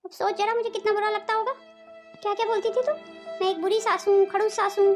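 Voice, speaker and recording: A woman voicing a very old, calm and wise great-grandmother-in-law in a cartoon, speaking slowly and measuredly, with faint music behind. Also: very high-pitched. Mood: calm advising.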